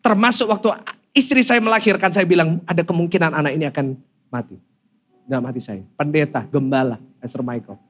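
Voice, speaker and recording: A male pastor in his thirties preaching a sermon in a church, telling a personal story with lively voiced quotes. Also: on the high side, a little fast. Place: church stage.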